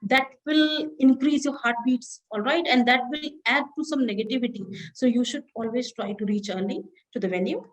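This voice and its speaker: Woman, high voice, professor, classroom lecture, instructive, checks in with "all right?", stresses key words slowly. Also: poor audio. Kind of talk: classroom lecture on presentation skills.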